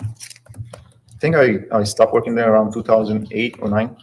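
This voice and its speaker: A man in his forties from Poland with a Polish accent, giving quiet, hesitant testimony as a witness in a courtroom. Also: fairly low pitch, level tone, normal speed, a little hiss or hum, poor audio. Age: 40s. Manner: quiet, hesitant, short answers.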